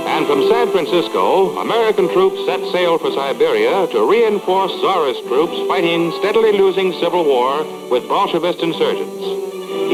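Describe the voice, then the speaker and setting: A man's voice: fairly high pitch, poor audio. A man narrating an old newsreel in a clipped, headline-style announcer delivery. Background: loud music.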